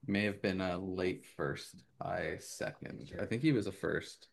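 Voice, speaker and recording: A man's voice: deep voice, unhurried, gravelly. A man in a casual sports podcast chat, offering brief, matter-of-fact remarks. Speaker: podcast panelist.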